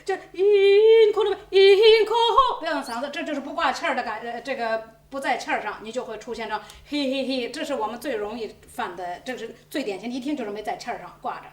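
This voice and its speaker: A woman from Xinjiang coaching a singer, talking lively and chuckling, breaking into sung examples. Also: fairly high pitch, rapid-fire, few pauses. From Xinjiang, China. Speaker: voice teacher. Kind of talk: masterclass coaching. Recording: roomy hall, distant mic.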